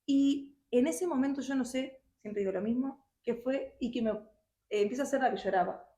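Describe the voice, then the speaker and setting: A young woman telling her personal testimony in a halting, emotional way with many restarts. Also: high-pitched, mellow. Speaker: guest sharing her testimony. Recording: roomy echo.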